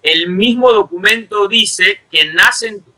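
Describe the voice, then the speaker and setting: An Ecuadorian journalist sits on a panel for a heated football debate, arguing insistently and pressing his points with repeated rhetorical questions. His voice is high, slow and sharp-toned, and the recording is rough.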